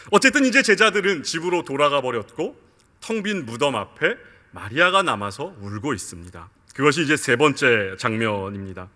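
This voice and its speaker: A man preaching a sermon, his voice bright and forceful with a pitch that climbs and falls in lively arcs. He leans on each line he quotes and keeps turning to speak to his listeners. His words ring out through a long church reverb. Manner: earnest preaching, drawn-out quoted lines, addresses the congregation often. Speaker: pastor. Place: church sanctuary.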